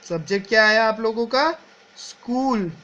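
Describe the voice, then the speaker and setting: A man with an Indian accent teaching an English grammar lesson, explaining step by step and often asking "clear?". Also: high voice, moderate pace, bright, forceful tone, muffled recording. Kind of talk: exam-prep grammar lesson.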